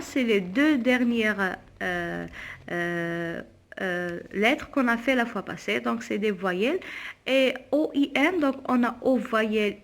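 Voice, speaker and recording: A woman primary school teacher giving a phonics lesson for young children, slowly spelling out letters and syllables and repeating them. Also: a little high, fairly bright tone.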